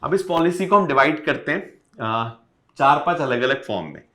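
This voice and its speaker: A man's voice: a little high, animated, normal speed, pushed and bright. A male economics teacher giving an online exam-prep lecture, explaining step by step and switching between Hindi and English mid-sentence. He talks straight to his students and repeats key points to make them stick.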